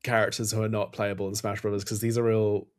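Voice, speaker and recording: A man's voice: on the low side, flat delivery, quick pace, smooth. A man hosting a podcast in casual chat, enthusiastic and rambling with frequent ums. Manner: chatty, enthusiastic, trails off with ums. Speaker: podcast host.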